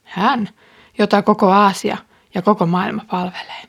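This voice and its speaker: An agitated male silversmith stirring up his fellow tradesmen, as a woman reads his speech aloud. His words press forward with growing urgency in a husky, breathy voice. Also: medium pitch, little pitch movement, fairly bright tone. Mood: urgent.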